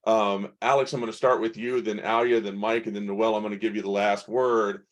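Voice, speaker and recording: A man's voice: on the low side, little pitch movement, a little fast. A man hosting a tech panel show, talking loosely with many fillers and restarts as he hands questions to guests. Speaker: show host. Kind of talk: panel discussion moderation.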